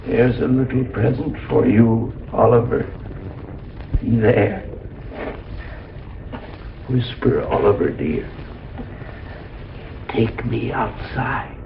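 An actor playing a very old, half-mad condemned villain in 1930s film drama, muttering and wheedling in a creaky voice. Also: male voice, medium pitch. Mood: wheedling, sly. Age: older. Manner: very old man, slow rambling wheedling mutter. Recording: muffled noisy 1930s film soundtrack, roomy echo.

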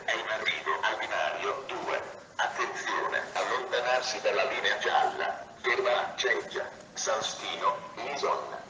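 A man making a formal, measured railway station announcement over a loudspeaker. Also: mid-range voice, far from the mic, background noise. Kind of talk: automated public-address announcement. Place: outdoor railway platform. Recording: echoey loudspeaker heard from afar, muffled.

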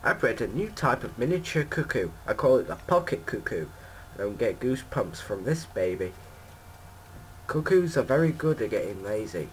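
A fussy video game village woman who fusses over her cuckoos and chats away about them, as a man reads her lines aloud. She sounds chatty and pleased, with a voice of middling pitch. There is a faint noise behind her. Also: big pitch swings, normal speed, lightly acted, low-quality recording. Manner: reads game text aloud in a lightly put-on voice.

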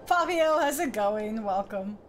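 A young woman streams a game from a small room lit by colorful lights behind her, chatting with the character on screen and reading her viewers' chat aloud. Her medium-pitched voice is expressive and a little slow as she gives live commentary.

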